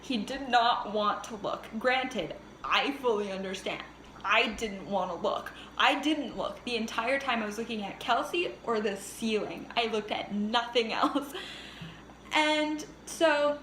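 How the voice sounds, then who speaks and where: Young woman, highish voice, laughing storyteller, echoey room with faint hiss. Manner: animated, laughing often, cursing, pitch jumps when reliving the pain. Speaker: vlogger. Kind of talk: casual storytime.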